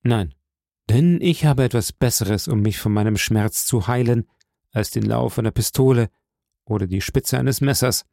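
A man's voice: mid-range voice, moderate pace, vocal fry, warm tone, dry recording, clean studio sound, close to an everyday voice. A man voicing a grieving young male soldier, speaking with rising passion and pleading outbursts. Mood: despairing.

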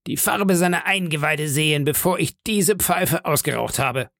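A man's voice: fairly high pitch, normal speed, gravelly, fairly bright tone, dry recording, clean studio sound, pitched above the performer's own voice. A man reading an audiobook, voicing an old one-legged male pirate captain who bellows threats with swagger. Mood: threatening.

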